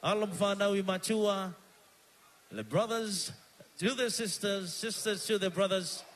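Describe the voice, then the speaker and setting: A man with a Samoan accent emceeing a live evening stage show, energetic and calling out to the crowd while switching between Samoan and English on a handheld microphone. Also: sits high, a little slow. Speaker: master of ceremonies.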